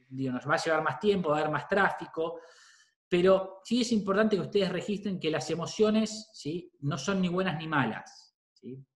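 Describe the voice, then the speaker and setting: Chatty man with an Argentine accent, echoey. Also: a little high. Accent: Rioplatense Spanish. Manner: conversational, often adds a questioning "¿sí?". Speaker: psychologist giving a talk to parents. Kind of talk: informal talk to parents.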